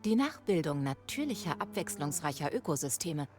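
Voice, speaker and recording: A woman's voice: deep voice, sing-song, brisk, a little mellow. A woman playing an earnest, exacting scientist in a video game, speaking precisely and instructively. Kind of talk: scripted video game character dialogue. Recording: game music behind.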